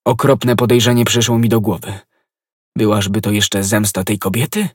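An impetuous young swordsman, urgent and earnest, as a male narrator voices him. The voice is husky and lifted above the reader's own low register, and it sounds close and dry. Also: moderate pace, dry recording. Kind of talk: audiobook reading.

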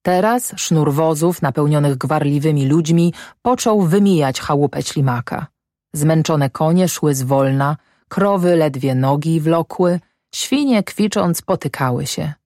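Female narrator, low-pitched, dry, measured classic audiobook read. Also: dark tone, no room sound.

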